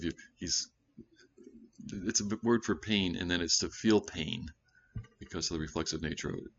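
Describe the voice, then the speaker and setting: A male pastor giving a conversational sermon, breaking into loud emphatic bursts and correcting himself as he goes. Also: low voice, dull audio, slight background noise. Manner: animated preaching with sudden loud emphatic bursts; conversational asides and self-corrections.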